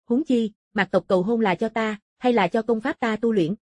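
A woman voicing a proud young dragon-clan princess in an audiobook, cool and composed in manner, in a slightly husky voice. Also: a little high, normal speed, dark tone, dry recording, studio quality, close to an everyday voice. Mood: calm.

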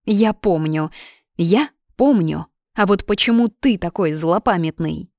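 A woman's voice: fairly low pitch, unhurried, darkish tone, no echo. Audiobook figure: woman doing a prim young student girl, indignant, dry close sound.

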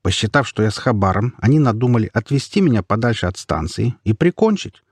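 Husky low-voiced male audiobook narrator. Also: fast, dry recording, studio quality. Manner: expressive first-person storytelling.

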